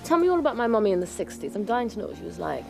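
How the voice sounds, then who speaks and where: A woman playing a prim, sensible young British agent, speaking crisply and properly. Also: mid-range voice, very animated, very fast, dark tone, faint music behind.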